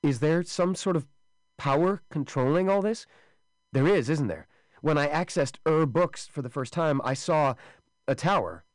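A man voicing a frightened, defensive grown man who pleads in an agitated, rushed way. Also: on the high side, lively intonation, dry recording, voice pushed up. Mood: agitated pleading.

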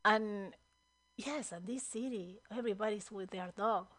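A woman with an Argentine accent, a native Spanish speaker, chatting casually as a radio guest with enthusiastic, halting phrasing. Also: medium pitch, a bit bright. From Buenos Aires, Argentina. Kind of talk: casual chat. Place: radio studio booth.

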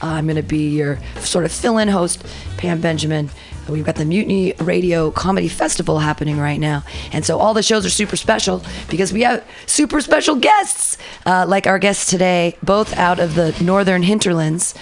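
A woman's voice: on the low side, normal speed, soft background music. A woman in her forties from California, a fill-in radio host, chatting in a bubbly, rambling, joking way. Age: 40s. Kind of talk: casual radio chat.

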